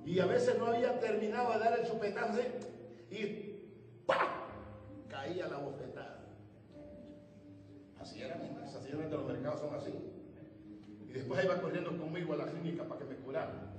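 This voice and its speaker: Fervent high-voiced preacher man. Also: normal speed, long pauses, noisy background. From El Salvador. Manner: fervent, swings from hushed storytelling to shouted praise. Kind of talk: sermon. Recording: echoey hall, voice from far off.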